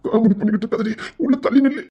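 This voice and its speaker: A protective young village man, voiced by a performer speaks at a mid pitch and at a brisk, hurried pace. he is playful and a little bossy with his sweetheart in this audio love drama. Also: dull audio, background noise, close to an everyday voice.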